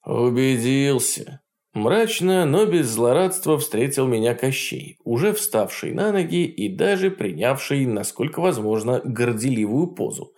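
Animated male audiobook narrator. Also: medium pitch, unhurried, hardly any pauses. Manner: lively, wry, animated storytelling. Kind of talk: scripted first-person narration.

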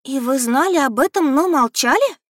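A woman voices a spirited young noblewoman who argues with eager indignation. Her voice sits high and is recorded dry and close. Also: moderate pace, fairly bright tone, dry recording. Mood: indignant.

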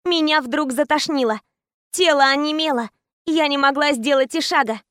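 High-voiced woman reading a tense story. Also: moderate pace, fairly bright tone, no echo, clean studio sound. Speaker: narrator. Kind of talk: scripted audiobook narration.

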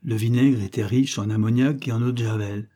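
A male narrator reads a short story aloud in a measured, theatrical way. His voice is mellow and dark, with a husky edge. The delivery is steady and unhurried. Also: mid-range voice.

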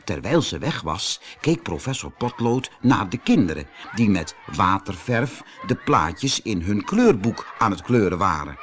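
A man from the Netherlands reading a children's fairy tale aloud as a storyteller, lively and expressive. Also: on the low side, measured pace, hardly any pauses. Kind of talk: audiobook fairy tale narration.

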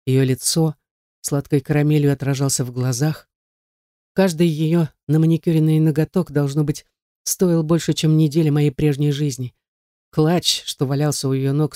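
A man's voice: a little high, dark tone, no room sound, clean studio sound. A man reading a first-person novel aloud in an intense, dramatic way. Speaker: audiobook narrator.

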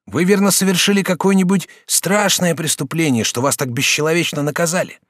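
A male audiobook reader voicing a courteous, talkative young student in his early twenties who speaks with a raised, excitable voice. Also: fairly high pitch, fairly quick, no echo, studio quality, voice pushed up, lightly acted. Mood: eager. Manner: bright, animated, polite and excitable. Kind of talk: audiobook character reading.

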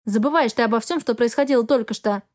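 A woman voicing a young heroine who is sharp-tongued and exasperated, with sarcastic retorts. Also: fairly high pitch, quick pace, lightly acted.

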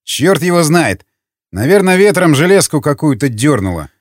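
A man's voice: fairly high pitch, big pitch swings, normal speed, dry recording, clean studio sound. A man voicing a younger male raider who is chatty, teasing and grumbling. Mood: uneasy.

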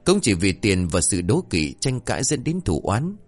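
A man narrating a scripted horror-comedy story in a lively, dramatic way. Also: on the low side, normal speed, faint music behind.

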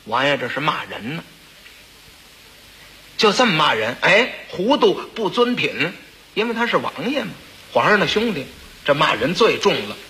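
Guy telling a funny story, chatty asides, bright animated voice. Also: on the high side, rough recording. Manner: chatty, stammering asides to the audience. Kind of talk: comic storytelling.

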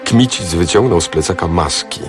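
A man reading a novel aloud on radio, expressive and acting out the characters. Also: low voice, normal speed. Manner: expressive, acts out each character. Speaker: reader. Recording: radio studio with faint music.

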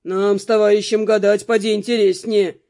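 A gruff male prison guard who heckles and grumbles with put-on indignation, as a woman reader lowers her voice for him. He talks loud and sneering, voice pushed well below the reader's own. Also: level tone, moderate pace, lightly acted. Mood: mocking.

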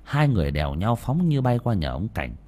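A man narrating a ghost story in a dramatic, animated way. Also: on the low side, a little fast.

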